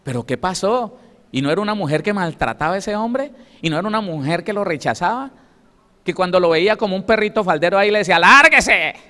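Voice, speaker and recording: A Colombian man, a pastor, preaching a sermon with emphatic delivery and acted-out quotes, in a Colombian Spanish accent. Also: on the high side. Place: church hall. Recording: long hall reverb.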